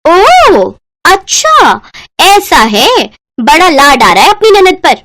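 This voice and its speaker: A woman voicing a harsh, bossy elder sister-in-law in a cartoon story, who scolds and shouts. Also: very high-pitched, wildly swooping pitch, slow, no room sound, clean studio sound, pitched above the performer's own voice, full character voice. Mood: scolding.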